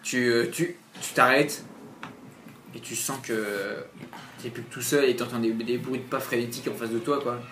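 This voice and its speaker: A man's voice: medium pitch, steady tone, a bit bright, a little hiss or hum. A man narrating a horror tabletop game as game master, hesitating with many fillers. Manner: halting, filler-heavy narration. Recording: roomy echo, faint music.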